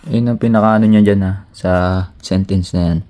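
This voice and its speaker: A man's voice: fairly low pitch, fairly even intonation, normal speed, mellow. A man giving a casual, joking grammar lesson, switching between languages to read out example sentences. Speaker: language teacher.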